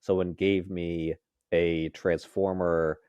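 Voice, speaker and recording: Deep-voiced man, relaxed chat. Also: slow pace, clean tone, no echo, highs cut off. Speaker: podcast co-host. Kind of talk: casual chat.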